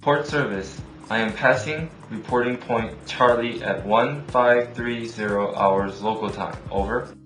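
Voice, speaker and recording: A man's voice: mid-range voice, unhurried, a bit bright. Here is a man playing a ship's officer on marine radio, answering port control in strict formal procedure. He reads each instruction back plainly. The sound is roomy, with music underneath. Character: male ship's radio officer, calm and compliant. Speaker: ship's officer of a motor vessel. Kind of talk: scripted maritime radio role-play. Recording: echoey room with music underneath.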